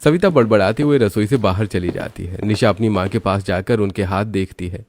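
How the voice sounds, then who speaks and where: A man narrating a cartoon story in a steady storytelling manner. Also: fairly low pitch, a little fast. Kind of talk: scripted narration.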